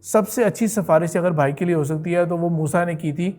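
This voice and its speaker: A slightly high-pitched man talks through religious history like a lecturer in easy conversation. Now and then he halts to check that everyone understands, and he mixes in English terms as he goes.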